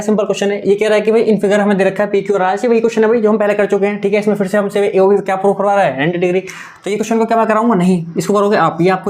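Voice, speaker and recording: This young adult man, whose voice is high-pitched and a little mellow, is teaching a maths exam-prep lesson. He coaxes and repeats himself, slipping English terms into his speech.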